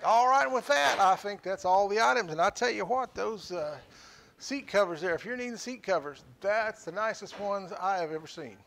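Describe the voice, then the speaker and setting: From a small studio room holding the sale items, an older auction host casually describes what's for sale, joking in a folksy way. His voice is high, gravelly and fairly bright, expressive, at normal speed.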